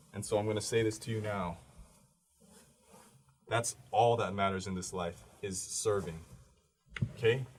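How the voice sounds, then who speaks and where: A man's voice: lowish voice, slight background noise. A man giving an earnest, preachy motivational monologue straight to the listener, blunt and tired by the end. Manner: earnest, preachy, direct address with blunt swearing. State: tired, voice fading to quiet. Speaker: artist giving a motivational talk.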